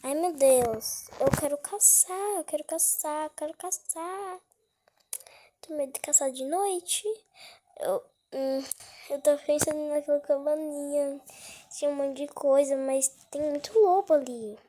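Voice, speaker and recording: With slight noise in the background, a woman hosting a gaming channel talks through her play at a measured pace despite having a cold. Her voice sits high and mellow. She's chatty, quick to be startled and often whispers.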